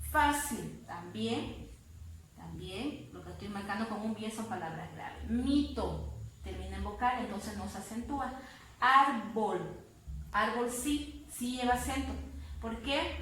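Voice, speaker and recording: A woman teaching a grammar lesson, explaining patiently and repeating words slowly syllable by syllable. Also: mid-range voice, recorded from a distance. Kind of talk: spanish grammar lesson to students. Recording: very echoey room, voice off-mic with faint noise.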